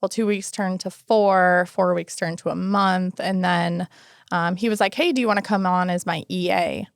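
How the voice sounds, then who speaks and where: Smooth-voiced woman in her thirties. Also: fairly low pitch, moderate pace, no echo, clean studio sound. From Alaska, United States. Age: 30s. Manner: storytelling, animated quoted asides. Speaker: guest, city housing and homelessness coordinator. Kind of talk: casual interview conversation.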